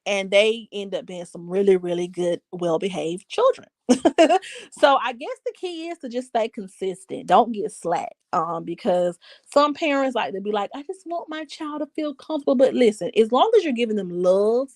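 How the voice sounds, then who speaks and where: A woman's voice: mid-range voice, moderate pace, no echo. Frank woman chatting, dry close sound. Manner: frank, animated, reads comments aloud. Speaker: commentary host reading viewer comments. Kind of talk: casual commentary chat.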